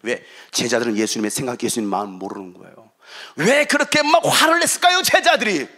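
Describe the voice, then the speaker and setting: A middle-aged guest pastor preaches a revival sermon, swinging from loud shouting to quiet asides and acting out the voices he quotes. He has a medium-pitched voice and an animated, brisk delivery.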